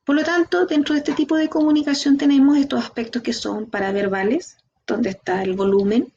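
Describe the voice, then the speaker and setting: Gravelly Chilean woman teaching a class. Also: sits high, brisk, highs cut off, slight background noise. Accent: Chilean Spanish. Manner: lively, talks to the class directly with rhetorical questions. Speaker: instructor. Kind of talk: online training lecture.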